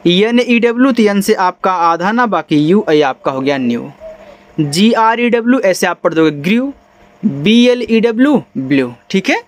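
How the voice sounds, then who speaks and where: A man's voice: high voice, expressive, unhurried. A man teaching English spelling and pronunciation step by step to beginners, often checking if the students follow. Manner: explains step by step, asks students if they follow. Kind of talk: whiteboard phonics lesson in Hindi.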